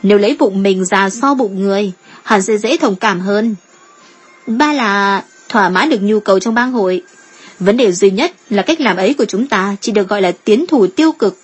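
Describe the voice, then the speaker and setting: A calm, shrewd female guild strategist weighs her options in a measured, reasoning tone, as a woman reads her lines. The voice is slightly breathy and sits at an ordinary middle pitch. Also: close to an everyday voice.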